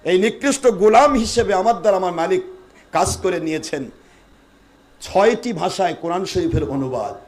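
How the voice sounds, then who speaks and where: A high-pitched man delivers a fiery sermon at a religious gathering. He fires rhetorical questions, scolds, and draws answers from the crowd. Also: lively intonation, normal speed, a little mellow. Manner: call-and-response with audience, scolding and rhetorical questions. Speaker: preacher. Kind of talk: Bengali waz sermon.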